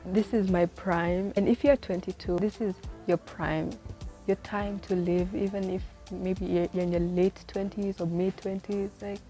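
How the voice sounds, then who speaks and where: A twenty-year-old woman rambles to the camera with casual life advice in the city where she lives, chatty and full of "like" and "you know," often laughing at herself. Her voice is medium-pitched and dark-toned, with a flat, measured delivery over faint music.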